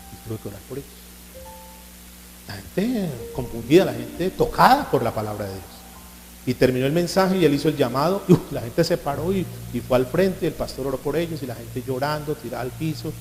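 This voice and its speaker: A man's voice: mid-range voice, in a large hall. A man preaching as pastor, passionate, acting out quoted voices in his sermon.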